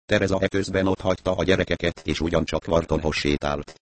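A man reading a crime novel aloud as an audiobook narrator, in a calm, even storytelling manner, lightly acting out the dialogue. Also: deep voice, dry recording.

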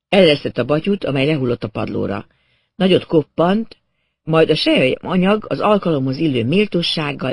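A man narrates a story with a wry, expressive delivery. His voice is husky and gravelly, and his pitch rises and falls with animated emphasis. The recording is close and dry. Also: no echo. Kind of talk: audiobook reading of a crime novel.

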